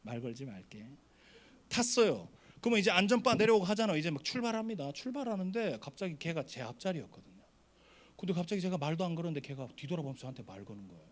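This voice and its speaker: Middle-aged pastor guy preaching at a youth camp, high voice, super animated storytelling. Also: very fast. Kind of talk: sermon to a youth retreat.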